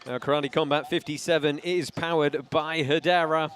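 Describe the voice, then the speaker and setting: Higher-voiced man calling live fights. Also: steady tone, moderate pace, fairly bright tone. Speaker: play-by-play sports commentator. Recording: music and crowd noise behind voice. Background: arena crowd and music.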